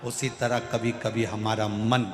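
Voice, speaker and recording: A man giving a devotional sermon, telling a funny parable with lively acted-out dialogue. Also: lowish voice, takes it slowly. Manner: animated, acts out shouted dialogue in the story. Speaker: religious storyteller. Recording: echoey hall with faint music.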